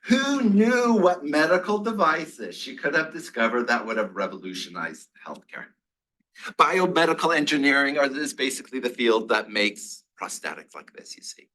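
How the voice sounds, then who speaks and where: A man giving a classroom lecture, talking in halting bursts with many fillers and restarts. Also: medium pitch, sing-song, bright, forceful tone, poor audio. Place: lecture room.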